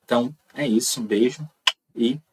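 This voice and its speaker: A man's voice: mid-range voice, normal speed, a little mellow, recorded from a distance, a little hiss or hum, low-quality recording. A man with a Brazilian accent teaching an online lecture, explaining step by step and checking in with frequent "tá?". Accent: Brazilian Portuguese.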